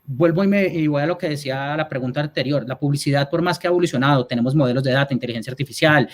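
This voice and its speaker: A rapid-fire, slightly high male voice with a Colombian accent belongs to an advertising executive guest-speaking in an online talk. The man, from Colombia, responds to audience questions explanatorily, frequently pausing to check that everyone is following.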